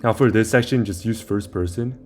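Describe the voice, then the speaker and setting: A young man with a somewhat low voice gives a casual walkthrough of a video game for his channel, explaining each step as he plays. He talks fairly quickly and informally, wandering off a bit along the way, with faint music underneath.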